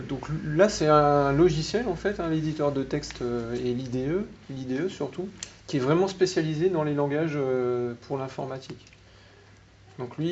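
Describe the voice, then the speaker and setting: A man with a French accent leads a live meetup talk in a meeting room, explaining step by step and often turning to the audience with questions. His voice sits at an ordinary middle pitch. The recording is slightly dull, with a faint hiss behind him. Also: creaky, a little mellow. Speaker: meetup speaker.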